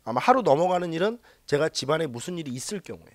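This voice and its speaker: Lively Korean history lecturer, dry sound. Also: male voice, a little high, very fast, no room sound. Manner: leads students in loud call-and-response drills; teasing, talks down to students jokingly. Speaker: civil service exam history lecturer. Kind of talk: live classroom lecture. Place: classroom with students.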